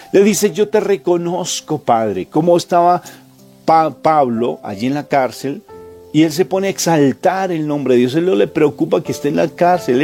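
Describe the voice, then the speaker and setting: A man's voice: sits high, creaky, a little mellow. A man preaching a sermon, emphatic and full of repeated rhetorical questions.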